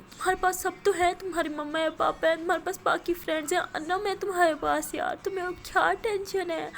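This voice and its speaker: Brief: heartbroken young woman, guarded and weary, firm but soft, voiced by a woman storyteller, high with some grit. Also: vocal fry, a little hiss or hum. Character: young woman, guarded, sad, insisting on leaving her lover.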